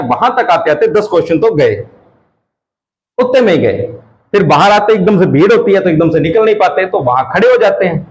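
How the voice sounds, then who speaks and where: A man's voice: sits high, echoey room, low-quality recording. A male teacher explains grammar to exam students in a chatty way. He repeats key phrases and asks the class questions.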